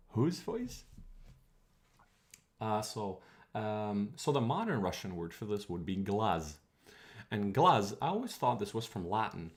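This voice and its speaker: A man's voice: lowish voice, creaky, darkish tone. A man whose first language is Croatian, giving a chatty, digressive live-stream lecture on language history and thinking aloud as he goes. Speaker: streamer teaching linguistics.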